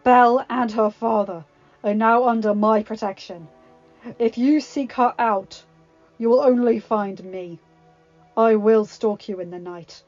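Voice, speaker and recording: A woman's voice: a little high, close to an everyday voice. Beast, a woman doing a looming male monster. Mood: menacing. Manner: slow, loud and threatening. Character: hulking male beast, fierce yet gentle. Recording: dull lo-fi sound with music.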